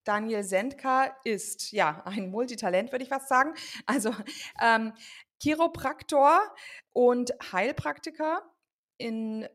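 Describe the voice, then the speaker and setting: A woman hosting a podcast, introducing and interviewing a guest in a friendly way, often pausing to find her words. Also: fairly high pitch. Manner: friendly and searching for words, with frequent pauses. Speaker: podcast host.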